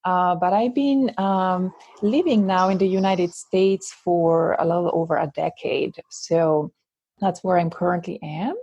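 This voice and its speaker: A woman's voice: fairly low pitch, measured pace, mellow, breathy edge, no room sound, highs cut off. A woman from Switzerland with a Swiss Italian accent, a guest coach in an interview, talking thoughtfully with many fillers and restarts. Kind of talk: interview conversation.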